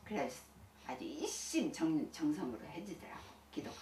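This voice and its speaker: A woman's voice: low-pitched, very animated, moderate pace, warm tone. Older woman chatting in an echoey room. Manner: folksy and chatty, laughs often, many restarts. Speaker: senior Won Buddhist minister. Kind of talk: recounting life experiences to listeners. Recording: echoey room, distant mic, faint hiss.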